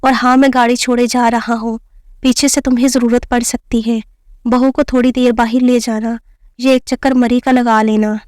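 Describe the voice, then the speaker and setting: A woman's voice: on the high side, little pitch movement, moderate pace, a little mellow, dry recording, studio quality, close to an everyday voice. A woman reading the lines of an affectionate fatherly man who blesses and instructs his son.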